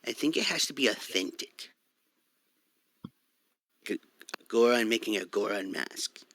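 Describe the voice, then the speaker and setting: A man's voice: fairly low pitch, expressive, unhurried, a bit bright. A man playing a tabletop game, describing his character's actions in a dry, matter-of-fact way. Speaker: player. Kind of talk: casual tabletop game talk.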